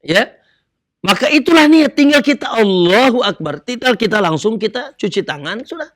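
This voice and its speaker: A middle-aged man giving a religious lecture, animated, quizzing his audience and acting out little dialogues. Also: high voice, normal speed. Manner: animated, asks the audience questions and acts out dialogues. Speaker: Islamic preacher.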